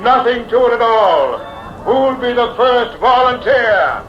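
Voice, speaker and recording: A man's voice: extremely high pitch, lively intonation, unhurried, a bit bright, full character voice. An actor playing a pushy carnival showman hypnotist with theatrical, declamatory patter, in the style of mid-century radio drama. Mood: coaxing. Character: showman hypnotist professor, pushy, smooth-talking carnival barker. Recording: dull vintage radio recording, music behind.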